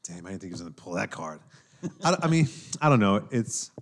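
A man from New York talks through a podcast conversation in a lowish voice. He is animated and loose, circling back on his points with fillers and tag questions. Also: fairly quick. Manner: animated, talks with hand-wavy fillers and repeats himself. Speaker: podcast host. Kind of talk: casual chat.

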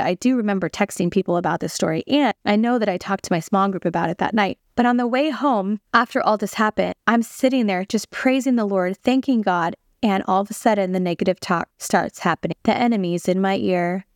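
A woman's voice: medium pitch, dry recording, clean studio sound. A woman hosting a podcast, telling a personal faith testimony in an earnest, conversational way and speaking straight to her listeners. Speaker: podcast host sharing a testimony.

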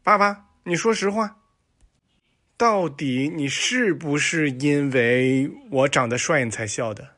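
A man's voice: on the high side, slow pace, fairly bright tone. A man doing vain, whiny Wang Haoyu.

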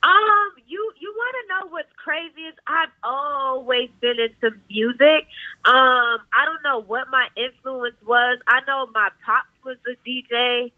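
A woman's voice: sits high, measured pace, no echo. Chill young woman dj chatting, slangy, sounds like a phone line, dry. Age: 20s. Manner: laid-back slangy storytelling, laughs often. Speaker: DJ guest. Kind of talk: casual interview chat.

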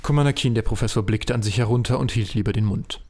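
A man narrating a comic fan audio drama in a dry, deadpan way. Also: mid-range voice, quick pace.

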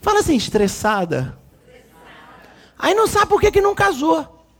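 A man preaching a lively sermon, joking with the congregation and acting out quotes. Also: very high voice, quick pace, gravelly. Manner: animated, jokes with the congregation, acts out quotes. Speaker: pastor.

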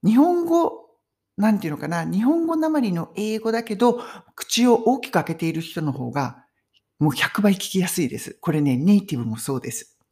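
A woman's voice: medium pitch, big pitch swings, brisk, mellow. A middle-aged woman giving a casual English conversation lesson on video, talking in an emphatic, friendly teaching tone. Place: home in London.

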